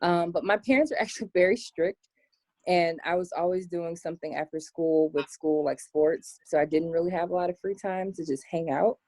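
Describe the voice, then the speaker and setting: Low, mellow-voiced American woman chatting. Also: normal speed, dry recording. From United States. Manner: chatty, many "um" and "like" fillers. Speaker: interview guest. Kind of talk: casual interview.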